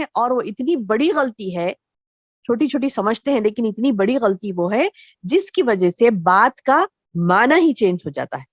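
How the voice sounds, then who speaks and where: A woman religious teacher giving a lecture to women, explaining slowly with repeated phrases and rhetorical questions. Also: on the high side, dry recording, muffled recording.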